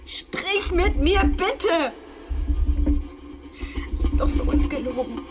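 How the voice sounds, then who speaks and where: A desperate, pleading woman in a radio drama. Her voice is very high, drawn out and swings widely. Loud music plays beneath her lines. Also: animated, slow, heavily acted. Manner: pleading, distraught.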